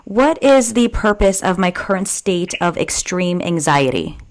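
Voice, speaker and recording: A woman's voice: on the low side, expressive, a little slow. A woman casually hosting a question-and-answer session, reading out questions from the audience.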